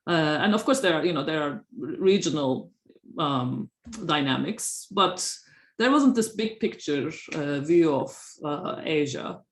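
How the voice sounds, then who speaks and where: A woman's voice: sits low, lively intonation, unhurried. A woman from Turkey, a professor and author, giving interview answers in a hesitant way with many fillers and small laughs. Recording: roomy echo.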